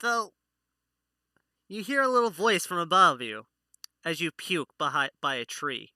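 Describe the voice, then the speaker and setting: A man's voice: on the high side, sing-song, a little slow, bright, forceful tone, no echo, clean studio sound. A man narrating a tabletop role-playing game as its playful game master.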